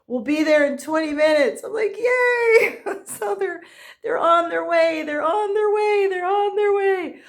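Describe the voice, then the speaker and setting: Woman, casual vlogger, excitable and chatty, phone-camera sound. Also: medium pitch. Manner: excitable, squeals with joy, chatty asides. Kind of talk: casual vlog chat. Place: apartment and street in an Italian village, in and out of doors.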